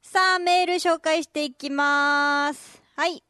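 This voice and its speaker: Lady radio host, high voice, giggly casual chat, dry sound. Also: fairly even intonation, slow, sharp tone, no room sound. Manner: laughs often, reads listener mail aloud. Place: radio studio.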